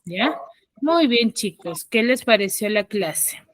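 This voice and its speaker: A woman's voice: mid-range voice, lively intonation, slow, fairly bright tone, no room sound. A woman teacher on a video call, patiently quizzing her students and confirming their answers. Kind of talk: online class quizzing students.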